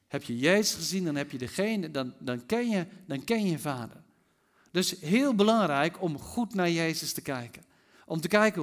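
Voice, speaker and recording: A man preaching an earnest sermon to a church congregation, pausing and repeating words as he reads and explains a Bible passage. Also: a little high. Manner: earnest, pauses and repeats words, lively emphasis. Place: church hall.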